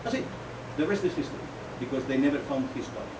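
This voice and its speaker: This poet, a man with a mid-range, expressive voice, reads his poems in a deliberate, declamatory style, pausing haltingly and tossing in informal asides. It's an indoor live event recorded from off, so the audio is roomy, distant, dull, and full of noise.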